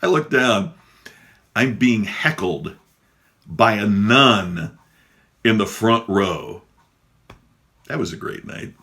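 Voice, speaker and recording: A man's voice: fairly low pitch, animated, slow, long pauses, sharp tone. A man, a professional speaker, telling a funny story to camera with dry timing. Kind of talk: humorous anecdote to camera.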